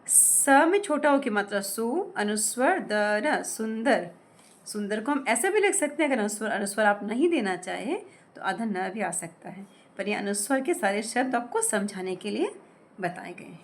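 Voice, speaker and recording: A woman teaching a grammar lesson, spelling words out slowly and carefully, asking questions and answering them herself. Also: a little high. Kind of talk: explaining lesson with examples.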